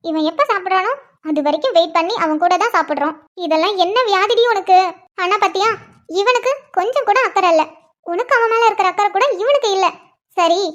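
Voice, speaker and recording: A woman's voice: extremely high pitch, fairly bright tone. A woman voicing a fussy, teasing young wife in a cartoon, scolding and grumbling to herself. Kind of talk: cartoon voice acting.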